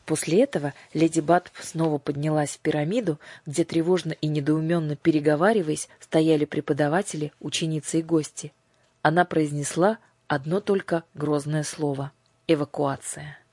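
A woman narrating an audiobook in a measured, expressive storytelling manner. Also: deep voice, husky, no echo. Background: faint music.

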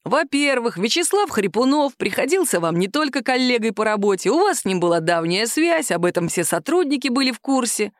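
A woman voicing a calm, caustic male police captain who questions a suspect slowly in an audiobook. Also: a little high, dry recording, pitched above the performer's own voice. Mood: dry. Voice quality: nagging, dry. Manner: slow, calm, measured interrogation.

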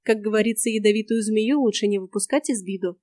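A woman narrating a first-person audiobook in a lively, expressive reading voice. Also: medium pitch, fast talker, dry recording, clean studio sound.

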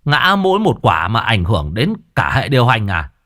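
A man voicing a loud, impatient older man in a ghost story, shouting and teasing. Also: lowish voice, huge pitch swings, normal speed, heavily acted. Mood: mocking. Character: loud older male companion, mocking and impatient.

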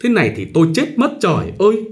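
A man's voice: mid-range voice, big pitch swings, unhurried, a bit bright. A man voicing a grieving young bride who pleads and sobs. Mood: wailing. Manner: pleading, sobbing.

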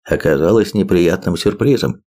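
A man reading an audiobook, voicing a calm, wry male team leader. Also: sits low, normal speed, close to an everyday voice.

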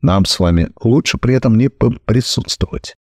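A man voicing a calm, shrewd detective who explains matter-of-factly. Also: mid-range voice, no room sound, studio quality, close to an everyday voice. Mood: quiet. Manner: brisk, matter-of-fact explaining. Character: calm, shrewd older male detective, brisk and dry.

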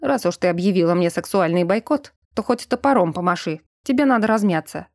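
A gruff, protective young man, read by a woman in an audiobook, blunt and bossy. The tone is dark and mellow, recorded dry and close. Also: on the low side, animated, fairly quick, no echo. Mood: matter-of-fact.

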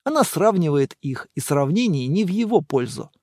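A man narrating an audiobook in a calm, measured way. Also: a little high, dry recording, studio quality.

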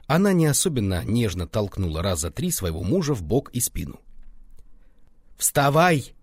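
Animated low husky male narrator. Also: a little fast, no echo. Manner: animated, reads notes aloud. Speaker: audiobook reader. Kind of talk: expressive scripted narration.

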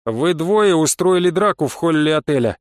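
Man playing a short-tempered guard captain, barking, raised pitch, audiobook. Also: animated, moderate pace, no room sound, clean studio sound, close to an everyday voice. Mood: pondering. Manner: barking orders. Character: harried, short-tempered male senior guard.

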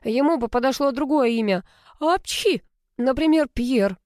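A woman's voice: a little high, animated, normal speed, a little mellow, dry recording, clean studio sound, voice pushed up, close to an everyday voice. A woman reading the lines of a grumpy teenage boy who keeps sneezing and mumbling, in audiobook narration. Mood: peevish.

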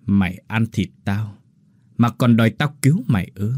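A man's voice: lowish voice, expressive, normal speed, dark tone, no echo, studio quality. A man growling as a taunting dead stepfather ghost. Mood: menacing. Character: vengeful dead stepfather, bleeding corpse ghost.

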